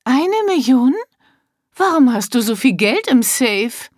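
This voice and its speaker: A woman's voice: a little high, expressive, normal speed, no room sound, clean studio sound, pitched above the performer's own voice. Woman doing a reproachful rich wife. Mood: alarmed, reproachful.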